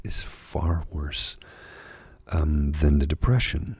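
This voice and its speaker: Older-ish guy doing confessional asmr, super husky, slow and halting, kinda confiding. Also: very deep voice, dark tone, no room sound. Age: middle-aged or older. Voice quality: husky, gravelly. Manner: halting, reflective, personal confiding. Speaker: ASMR host. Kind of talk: soft-spoken confessional ASMR monologue.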